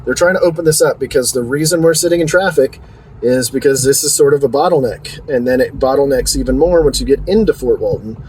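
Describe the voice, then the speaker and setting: A real estate guide narrates a driving tour from inside a moving car, chatty and self-deprecating, with joking asides. His mid-range, darkish voice moves at a quick pace over background road noise.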